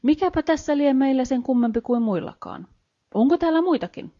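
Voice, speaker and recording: A woman's voice: sits high, expressive, pitched above the performer's own voice. A woman reading as a timid peasant wife. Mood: reassuring. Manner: anxious, chattering questions. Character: timid, wide-eyed peasant wife on her first train ride. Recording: dull lo-fi audiobook recording.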